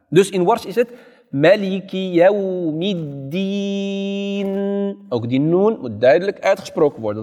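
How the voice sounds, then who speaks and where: A man's voice: fairly high pitch, darkish tone, in a large hall. A man, an imam, giving a Quran recitation lesson. He chants example verses and patiently contrasts correct and wrong pronunciations.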